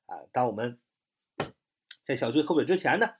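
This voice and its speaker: Slightly husky, this man teaches English vocabulary, his pitch swinging up and down with energy as he explains. Words get spelled out one letter at a time, and he reads the example sentences slowly, with a long "ah" between phrases.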